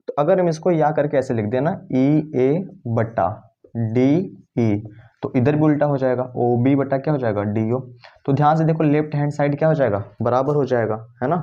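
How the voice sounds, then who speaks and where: A man's voice: mid-range voice, warm tone. A male math teacher explains each step as he writes on the board. He keeps checking in with "है ना" and answers his own questions. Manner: talks while writing, with constant "है ना" checks; asks questions and answers them himself. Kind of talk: board-work math lesson. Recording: dull lo-fi sound.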